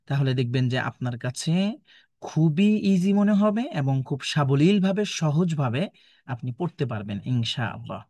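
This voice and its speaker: A man, teaching Quran recitation in a recorded online lesson, patiently repeating letter sounds slowly for learners to copy. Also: mid-range voice, a little mellow, no room sound.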